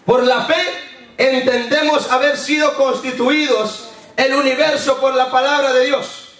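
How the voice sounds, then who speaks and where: A man preaching a sermon in a church, impassioned and repetitive, his voice rising into shouts. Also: very high-pitched, steady tone, a little slow. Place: church hall. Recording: echoey hall from far off.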